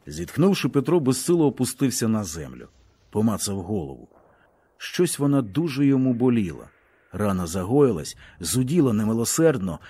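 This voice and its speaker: A man reading a novel aloud as an audiobook, with expressive storytelling. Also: medium pitch, breathy edge. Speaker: audiobook reader. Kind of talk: scripted narration of a novel.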